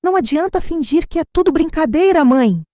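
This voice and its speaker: A furious grown daughter, put on by a female storyteller, whose voice leaps high and shakes as she accuses her mother. Her pitch swings widely with anger. The sound is close and dry. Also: lively intonation, fairly quick, warm tone, no room sound. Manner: shrill, trembling accusation.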